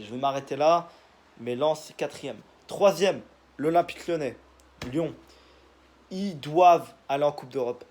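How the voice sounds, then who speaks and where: A man's voice: on the high side, a little mellow. A young man, casually giving his football predictions in a rambling, joking monologue full of fillers. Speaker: football video creator.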